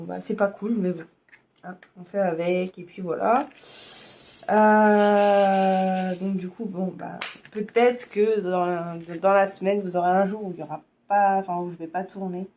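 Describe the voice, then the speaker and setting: A woman in her thirties from France with a sore, hoarse throat, chatting casually as a vlogger and hesitating often. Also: lowish voice, warm tone. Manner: hesitant, many fillers. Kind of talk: casual chat.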